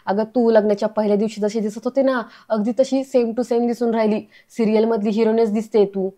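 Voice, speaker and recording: A woman voicing a jovial, flattering middle-aged husband in a retold family serial. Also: a little high, fairly quick, close to an everyday voice. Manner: playful and flattering.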